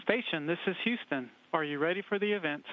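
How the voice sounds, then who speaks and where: A man's voice: a little high, fast. A man making clipped radio-protocol calls as a mission control radio caller, heard over a space-to-ground radio link. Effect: space-to-ground radio communication. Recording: muffled radio channel, distant.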